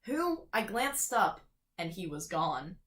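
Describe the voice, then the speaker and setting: Female amateur horror-story reader, mid-pitched, casual, echoey room. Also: expressive, moderate pace, pushed and bright. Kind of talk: amateur story read-aloud with casual asides.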